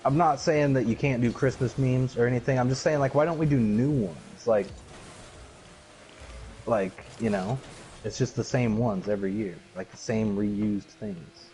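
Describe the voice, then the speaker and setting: A man's voice: mid-range voice, moderate pace, dark tone, a little hiss or hum. A man chatting casually while playing a video game, rambling and filling his talk with "like". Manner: rambling, heavy use of "like" fillers. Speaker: gaming video co-host.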